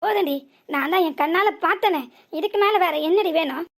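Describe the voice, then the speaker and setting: Woman voicing a ranting cartoon mom, super high squeaky voice, fast nonstop scolding. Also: a little hiss or hum. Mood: accusing. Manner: shrill, berating, lamenting scolding. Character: furious scolding village mother, middle-aged woman. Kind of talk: cartoon serial voice acting.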